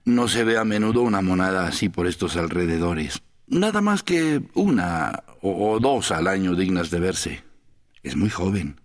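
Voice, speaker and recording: A man's voice: sits low, expressive, moderate pace. A man voicing a weary, lonely middle-aged foreigner in an audiobook, talking in a rambling, sighing, pleading way. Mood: idle musing. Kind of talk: audiobook character voice.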